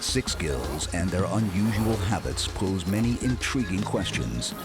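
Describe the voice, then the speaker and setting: A man's voice: sits low, big pitch swings, a little slow. A man reading scripted nature documentary narration. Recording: prominent music bed behind voice. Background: music.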